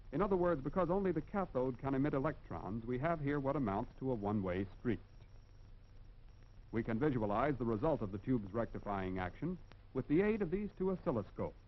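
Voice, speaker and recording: An American man narrates in the style of a 1940s educational industrial film. His delivery is formal and instructive, with measured emphasis at a medium pitch. The sound is that of a dull, band-limited old film soundtrack. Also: animated.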